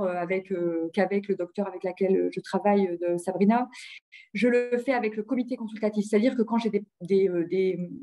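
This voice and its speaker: A woman with a warm, medium-pitched voice presents local health programmes in an informal webinar with slides. She often hesitates and repeats words while searching for her phrasing.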